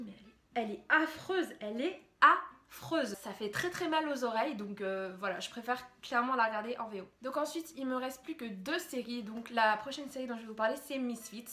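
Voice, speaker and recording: A woman's voice: fairly high pitch, a little fast, hardly any pauses, a bit bright. A young woman chatting casually to camera as a YouTuber, talking through TV series with many fillers and restarts. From France. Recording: echoey room.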